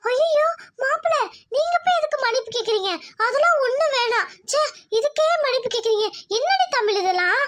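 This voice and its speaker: A woman's voice: very high-pitched, expressive, fairly quick, heavy background noise, voice pushed up. A woman as a fussing village mother. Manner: fussing, welcoming. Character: caring village mother, middle-aged woman.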